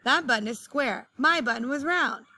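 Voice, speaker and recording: Woman voicing a fretful, high-pitched storybook toad. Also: expressive, normal speed, pushed and bright, exaggerated voice. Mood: exasperated. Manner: exclaiming, complaining. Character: male toad, fretful, easily exasperated, wailing storybook character.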